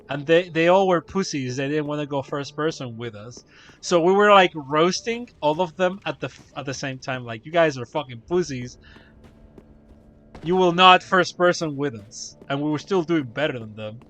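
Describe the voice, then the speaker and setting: A man's voice: fairly high pitch, fairly bright tone. A young man streaming a game, chatting casually and telling stories with laughter and frequent swearing. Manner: laughing, profane, rambling storytelling. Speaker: gaming streamer. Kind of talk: casual chat while playing.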